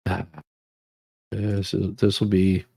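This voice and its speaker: Deep, monotone, creaky and mellow, with a slight roughness, this man speaks slowly as a livestream host. He reads legal documents aloud dramatically and adds informal, wandering commentary, often repeating words.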